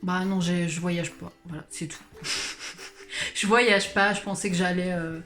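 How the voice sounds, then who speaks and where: A woman's voice: lowish voice, steady tone, unhurried, a bit bright. A woman in her late twenties, born in Switzerland to a Portuguese family, talking casually to camera as a vlogger, colloquial and self-mocking, rambling with sighs and small laughs. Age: late 20s. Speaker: vlogger, channel host. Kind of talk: casual confessional chat to camera. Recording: roomy echo with music underneath.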